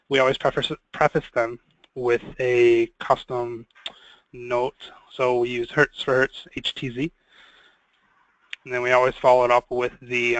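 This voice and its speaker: A man leading a screen-share software training, talking casually with many fillers. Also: medium pitch, no room sound, low-quality recording.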